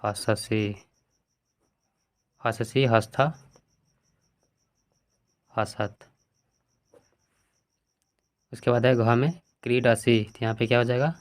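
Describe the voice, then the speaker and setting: A man's voice: mid-range voice, level tone, brisk, hardly any pauses, clean tone. Man teaching a textbook lesson. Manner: asks questions then answers them himself; reads word forms out one by one.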